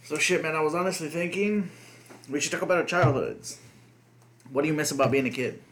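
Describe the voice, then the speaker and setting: On a podcast he co-hosts, this young man from the United States, a dad whose first language was Spanish, chats in a profane, rambling way packed with fillers. His voice is fairly high and fairly bright, and he talks a little fast.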